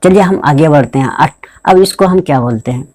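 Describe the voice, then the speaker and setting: A man teaching a pronunciation lesson over a screen recording, asking questions and answering them himself, repeating words slowly. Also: a little high, a little mellow, no echo. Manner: repetitive, asks and answers his own questions.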